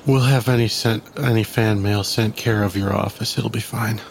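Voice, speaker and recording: A man's voice: fairly low pitch, fairly even intonation, normal speed, gravelly, a little hiss or hum. A man voicing a sarcastic, irreverent adventurer with a wry manner.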